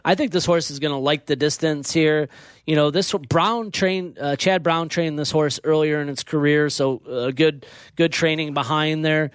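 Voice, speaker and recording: A man's voice: on the high side, steady tone, moderate pace, clear, resonant tone, dry recording. A man giving horse racing picks on a talk show, eager and a bit hesitant. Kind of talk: casual radio talk show chat.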